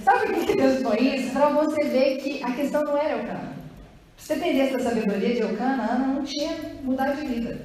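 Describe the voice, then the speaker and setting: Woman pastor, high voice, chatty sermon, big echoing church, distant mic. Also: quick pace. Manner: lively, conversational preaching with questions to the congregation. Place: large echoing church hall.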